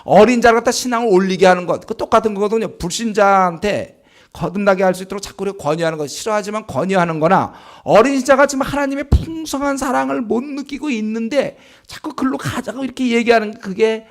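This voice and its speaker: A male pastor preaching in a conversational way, asking the congregation rhetorical questions and acting out remarks in a slower, lower voice. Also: creaky. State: sore throat. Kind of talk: sermon. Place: church sanctuary.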